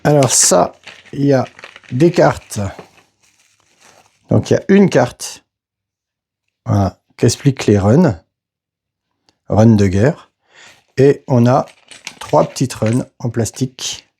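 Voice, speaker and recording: A man casually narrating a board game unboxing, hesitant and halting, filling pauses with little interjections as he handles each piece. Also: medium pitch, animated, creaky, dark tone, slight background noise. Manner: slow, hesitant, narrates each step with "voilà" and "hop".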